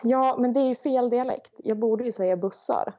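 Podcast woman chatting casually, gravelly low-toned voice, jokey, kinda dull lo-fi sound. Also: mellow. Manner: joking, swears casually. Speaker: podcast co-host. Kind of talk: casual chat.

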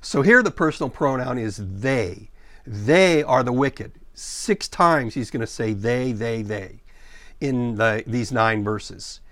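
A middle-aged man preaching a sermon, explaining scripture verse by verse and reading the quoted passages slowly and deliberately. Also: medium pitch, animated, fairly bright tone, no echo. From born in Sudan, raised in Ethiopia and America. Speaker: pastor.

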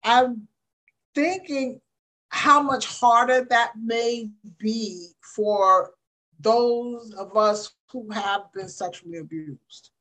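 A woman's voice: fairly high pitch, drawn-out words, fairly bright tone, poor audio. A woman hosting a casual conversation, reflective and thinking aloud with frequent fillers. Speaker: host. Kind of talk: casual chat.

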